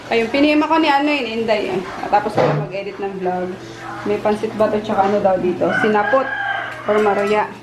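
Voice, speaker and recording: A woman's voice: mid-range voice, fairly quick. A woman chatting casually in a home vlog, playful and laughing, cooing baby talk at her dog. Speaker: vlogger. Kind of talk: casual family vlog chat. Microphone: handheld compact camera. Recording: noisy home camera audio.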